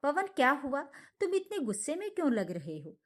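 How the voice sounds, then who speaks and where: Woman playing a cruel young daughter-in-law, harsh and mocking, lively high voice, storybook villain. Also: normal speed. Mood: falsely sweet.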